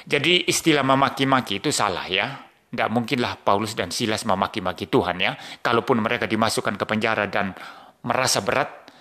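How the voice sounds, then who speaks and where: A male pastor speaking calmly to his congregation, correcting his own earlier words in a measured way and often ending phrases with a soft "ya" or "saudara". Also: lowish voice.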